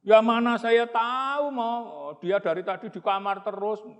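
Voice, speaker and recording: Cheeky older brothers in a spoken storybook, played by a man, pitched up and teasing. The sound is dull and echoes through a hall. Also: steady tone, a little slow, fairly bright tone. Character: two teasing older brothers, young men.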